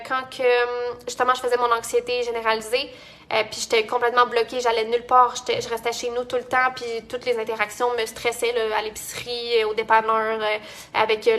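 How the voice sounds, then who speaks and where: A woman's voice: a little high, bright, forceful tone. A young woman with a Quebec French accent, giving a casual motivational talk as a business coach, chatty and full of fillers and restarts.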